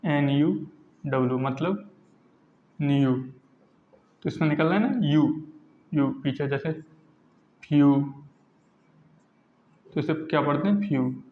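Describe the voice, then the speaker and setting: A man's voice: a little high, lively intonation. Male teacher in echoey room. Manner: repeats examples slowly, asks and answers his own questions. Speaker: English grammar teacher. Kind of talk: classroom lesson explaining pronunciation rules. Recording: echoey lo-fi classroom recording.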